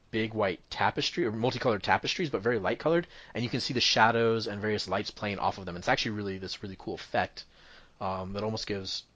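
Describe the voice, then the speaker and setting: A man's voice: on the low side, a bit bright, dry recording. Laid-back man narrating a tabletop game. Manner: rambling descriptive narration with frequent ums. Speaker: dungeon master.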